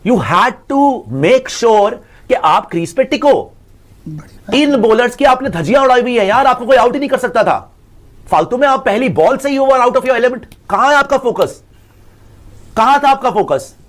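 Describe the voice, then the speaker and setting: A man's voice: very high-pitched, animated, moderate pace. A man giving a blunt cricket reaction, firing rhetorical questions and mixing Hindi and English. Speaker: cricket commentator. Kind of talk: casual cricket reaction chat.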